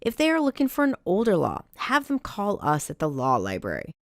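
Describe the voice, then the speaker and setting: A low-voiced woman reads a librarian training script in a measured, instructional manner. Her voice has a gravelly edge and moves up and down a lot. The recording is dry and close, with no room sound. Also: wildly swooping pitch, no room sound.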